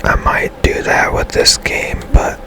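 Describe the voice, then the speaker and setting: Casual and hushed, a male game streamer provides ASMR narration for a video game, his breathy whisper carrying unhurried, musing remarks as host.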